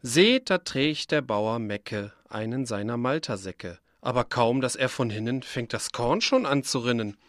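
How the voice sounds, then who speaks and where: Male narrator for storybook verse, slow, theatrical and dry, with sound words called out loud. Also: mid-range voice, lively intonation, dry recording. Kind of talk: dramatic recitation of a rhyming verse tale.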